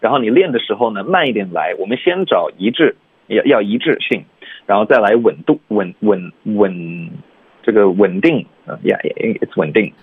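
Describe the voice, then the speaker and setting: Husky male teacher over a tinny line. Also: on the low side, animated, moderate pace, no room sound. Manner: patient, explains pronunciation step by step. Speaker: English teacher. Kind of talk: radio language lesson. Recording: tinny phone-like dry sound.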